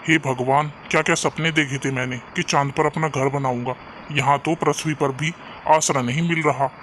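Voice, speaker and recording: A man's voice: a little high, steady tone, normal speed, fairly bright tone, slight background noise, natural voice. A man voicing a poor young junk seller in a cartoon story, earnest and caring, sometimes despairing. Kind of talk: cartoon voice acting.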